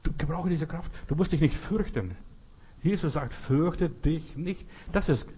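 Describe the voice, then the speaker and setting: A man's voice: a little high, expressive, moderate pace, dark tone, a little hiss or hum. A man preaching a sermon, urging his listeners directly and earnestly, telling stories and calling each listener to act.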